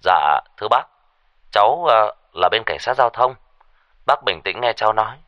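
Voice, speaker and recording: Guy doing a nervous young cop on a muffled phone line, deep and bright. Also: big pitch swings, dry recording, full character voice. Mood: hesitant. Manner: hesitant, polite, halting. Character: hesitant young male traffic policeman on the phone.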